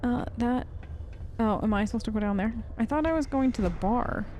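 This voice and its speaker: A woman's voice: a little high, fairly quick, warm tone, slight background noise. A woman hosting a gaming video, chatting casually and playfully and talking back to game characters. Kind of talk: casual gameplay commentary.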